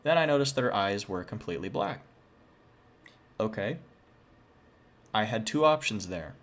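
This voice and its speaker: A young man tells a spooky personal story in a casual, chatty way. He keeps dropping self-deprecating asides. His voice sits a little on the low side. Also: animated, normal speed, a bit bright.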